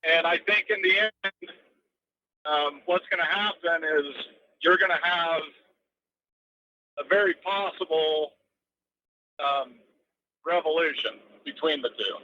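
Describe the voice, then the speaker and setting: High bright man calling in from a truck. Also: slow pace, pauses often. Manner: rambling and earnest, piles up points with many ums. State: driving while talking. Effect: phone call from a moving truck. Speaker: radio call-in caller. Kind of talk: casual call-in chat. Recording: muffled lo-fi phone line from a moving truck. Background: road and vehicle noise.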